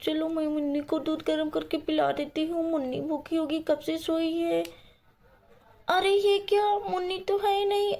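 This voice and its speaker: A woman's voice: very high-pitched, warm tone, voice pushed up. A woman voicing a panicked young mother crying over her missing baby. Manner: wailing, panicked.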